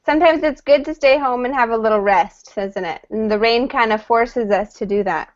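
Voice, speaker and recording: A woman teaching an online English class, greeting students warmly and laughing often. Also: fairly high pitch, moderate pace. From Canada. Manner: friendly, welcoming, laughs often. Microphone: computer mic on video call. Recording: slightly dull video call audio.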